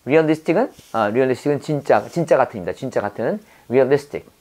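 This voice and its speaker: Expressive and warm, this South Korean woman's markedly low voice guides viewers through English vocabulary with memory tricks. She stretches each word into slow syllables, says it again and again, and pops quick quiz questions between words.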